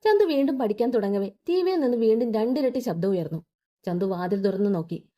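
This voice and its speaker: A woman's voice: on the high side, lively intonation, brisk, dark tone. A woman narrating a story expressively and voicing all the characters herself.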